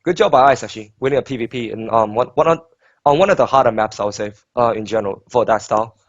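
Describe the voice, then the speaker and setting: A man doing casual live esports commentary, chatty and joking, quick to laugh. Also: mid-range voice, no echo. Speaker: esports caster. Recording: dull, slightly lo-fi, dry.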